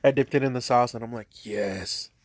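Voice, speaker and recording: A man's voice: mid-range voice, little pitch movement, quick pace, darkish tone, no echo. Rambling man telling a fan story. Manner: rambling, lots of "like", swears, talks while eating. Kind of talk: casual fan-story narration.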